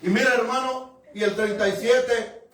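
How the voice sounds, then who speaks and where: A male pastor preaching a conversational Bible sermon, often chuckling, addressing the congregation and rising to sudden shouts for emphasis. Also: very high voice, steady tone, moderate pace, recorded from a distance. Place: church sanctuary. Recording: very echoey room, mic from afar.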